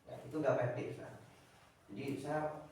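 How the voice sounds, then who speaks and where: Rambling teacher in an echoey classroom. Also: male voice, medium pitch, flat delivery, moderate pace, vocal fry, darkish tone, far from the mic, a little hiss or hum. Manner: rambling, with many fillers and repeated words. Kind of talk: classroom lecture.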